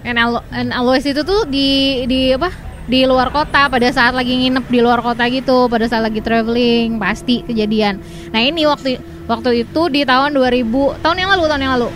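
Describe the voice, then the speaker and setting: A woman podcast co-host from Indonesia with a fairly high voice. She chats casually and colloquially, telling stories and dropping in English words, with faint noise behind her. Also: a little fast. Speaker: podcast co-host, works in broadcasting. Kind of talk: casual chat, personal storytelling.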